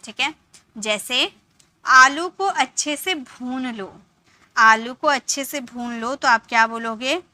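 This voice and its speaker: Slow, bright-voiced female English teacher. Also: high voice, dry recording. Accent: Indian English. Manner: slow, drawn-out model sentences repeated for learners. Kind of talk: spoken English lesson.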